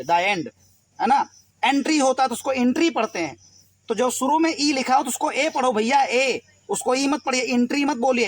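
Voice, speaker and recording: High-voiced man teaching phonics step by step. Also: slight background noise, low-quality recording. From Uttar Pradesh, India. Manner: patient, spells words out letter by letter. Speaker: English reading teacher. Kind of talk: Hindi-language phonics lesson.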